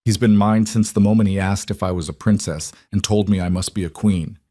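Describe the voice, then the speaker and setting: A man voicing a determined, successful businesswoman who speaks her wedding vows in an earnest, heartfelt way, in a low, dry voice. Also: steady tone, brisk, mellow, no echo, close to an everyday voice. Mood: tender.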